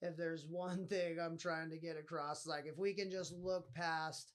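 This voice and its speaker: Brief: fairly high-voiced nasal man, loose profane podcast monologue. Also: flat delivery, unhurried. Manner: rambling, swears often. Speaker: podcast host. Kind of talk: casual solo podcast monologue.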